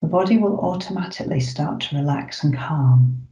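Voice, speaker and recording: A meditation guide leading a breathing exercise in a soft, slow, soothing voice, with long pauses and moments that sink toward a whisper. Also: medium pitch. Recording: roomy, slightly dull recording.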